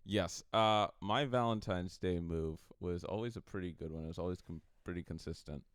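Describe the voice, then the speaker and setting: Man, late twenties, deep-ish voice, podcast co-host, joking storyteller. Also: moderate pace, clear, resonant tone, dry recording, studio quality. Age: late 20s. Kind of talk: casual chat.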